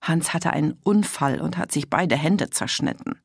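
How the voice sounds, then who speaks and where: A woman's voice: sits low, animated, moderate pace, gravelly, slightly rough, no echo, studio quality, exaggerated voice. Woman doing an outraged, gossipy middle-aged mother. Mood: grumbling. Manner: agitated, voice cracking with outrage.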